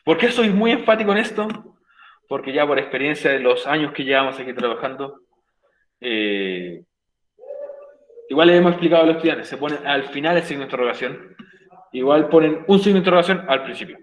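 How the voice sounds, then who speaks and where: A man's voice: on the high side, lively intonation, fairly quick. Emphatic male teacher in a roomy echo. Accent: Chilean Spanish. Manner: repeats points, emphatic, checks in with "ok?". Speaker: English teacher. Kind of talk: online class explanation.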